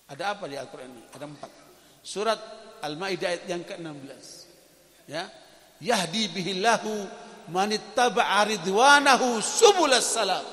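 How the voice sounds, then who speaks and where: A man's voice: high voice, pushed and bright. A man preaching a dawn sermon in a mosque, asking the congregation questions and acting out quoted voices. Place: mosque hall. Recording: echoey mosque hall reverb.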